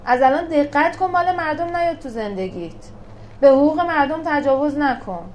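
A woman's voice: high-pitched, expressive, a little hiss or hum, poor audio. A woman giving a religious lesson to a small class, emphatic, asking questions and answering them herself. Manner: emphatic, asks and answers her own questions. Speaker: religious teacher.

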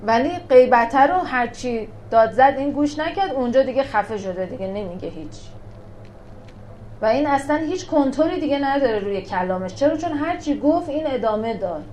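Giving a religious lesson to a small class, this teacher speaks in a fairly high, animated voice with a darkish tone. She is emphatic, posing questions to her listeners and answering them herself. The recording is low quality, with a faint noise running underneath.

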